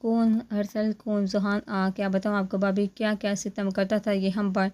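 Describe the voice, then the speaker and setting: Woman reading chatty young man always joking, teasing, pretty flat delivery. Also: mid-range voice, normal speed, natural voice.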